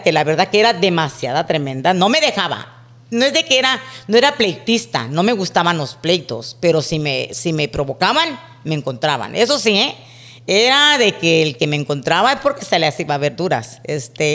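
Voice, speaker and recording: A middle-aged woman, a podcast guest telling childhood stories casually and acting out the dialogue. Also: fairly low pitch. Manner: animated, acts out quoted dialogue. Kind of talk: casual storytelling.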